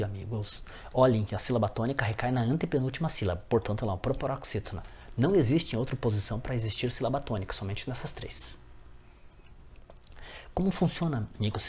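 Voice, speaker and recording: A man's voice: medium pitch, quick pace, a little mellow, breathy edge. A man teaching a grammar lesson, often checking in with his viewers as friends.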